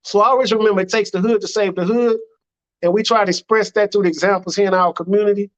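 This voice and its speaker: With a high voice, steady tone and quick pace, an American imam offers an earnest religious address in plain language, built around repeated phrases. It comes through a dull, lo-fi recording.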